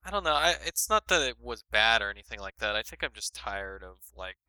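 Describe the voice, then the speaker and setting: Hesitant man with a bright, low voice. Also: big pitch swings, fairly quick, clear, resonant tone, no echo, rough recording. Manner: hesitant, lots of fillers, shrugging. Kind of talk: casual movie review chat.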